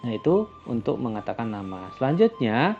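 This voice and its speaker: Gravelly-voiced male teacher, lo-fi. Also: medium pitch. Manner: calm and explanatory, switching into slow, lifted voice for English example phrases. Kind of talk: classroom lesson explaining English phrases. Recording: lo-fi recording with faint music.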